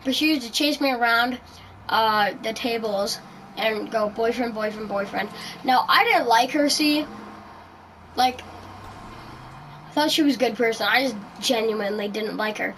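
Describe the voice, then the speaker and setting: A woman's voice: fairly high pitch, moderate pace, long pauses, fairly bright tone, slight background noise, low-quality recording. A woman hosting a casual podcast chat, rambling through her story with lots of ums and likes. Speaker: podcast host.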